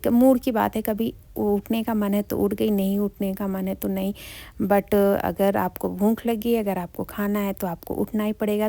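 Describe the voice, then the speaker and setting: A woman's voice: mid-range voice, no room sound. A woman vlogging her morning at home, chatting casually while she cooks and cleans in her kitchen and walks outdoors. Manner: chatty, walks viewers through chores; speaks softly at times so neighbours are not disturbed.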